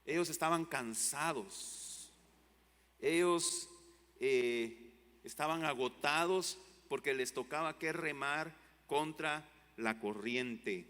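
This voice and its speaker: Fervent preaching man, bright voice, echoing hall. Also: takes it slowly. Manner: fervent preaching, swinging between loud exclamations and low drops. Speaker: pastor. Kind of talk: sermon. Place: church hall. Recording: long church hall reverb.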